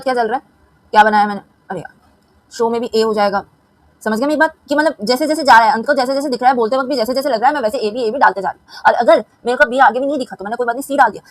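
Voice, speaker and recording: Fast-talking Indian woman teacher. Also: a little high, no room sound, low-quality recording. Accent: Hindi-speaking Indian. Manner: chatty, keeps asking if students follow. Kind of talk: explaining a lesson.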